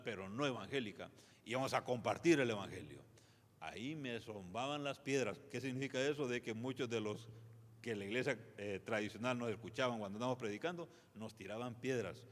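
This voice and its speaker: A man presenting at a church conference, speaking conversationally with many fillers and restarts. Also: mid-range voice. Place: church sanctuary. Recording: long reverb of a church hall.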